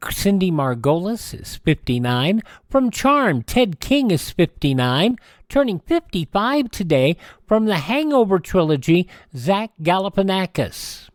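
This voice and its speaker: A high-pitched man hosts a radio program in a casual, chatty style, reading celebrity birthdays and introducing old radio shows. He rambles a little and corrects himself as he goes, and the studio sound is clean with no echo.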